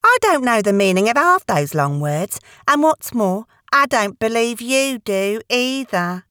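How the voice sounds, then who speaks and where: A woman's voice: on the high side, very animated, a little slow, a bit bright, dry recording, clean studio sound. A woman voicing a cheeky, impatient young eaglet. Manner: cheeky and blunt.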